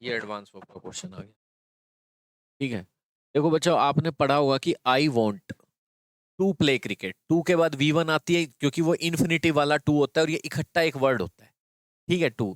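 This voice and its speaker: A man's voice: a little high, normal speed, no echo. A man teaching an exam-prep English grammar lesson, explaining step by step and repeating key phrases to his students.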